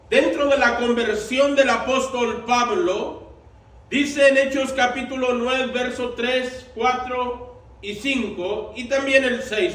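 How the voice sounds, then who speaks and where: A man preaching a sermon as pastor, slow and deliberate, repeating his phrases for emphasis. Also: very high-pitched, a bit bright. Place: church sanctuary. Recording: echoey church room, mic at a distance.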